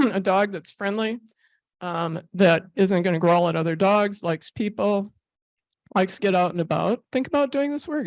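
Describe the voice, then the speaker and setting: A woman's voice: mid-range voice, darkish tone, no room sound. A woman giving a casual talk with slides as a therapy animal volunteer, a chatty storyteller who laughs often and uses many fillers.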